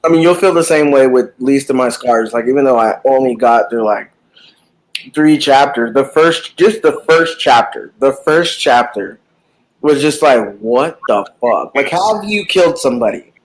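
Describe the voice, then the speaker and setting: A man's voice: mid-range voice, measured pace, rough recording. A man in a casual live book chat, talking animatedly about a book, with frequent swearing and lots of fillers. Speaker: book discussion participant.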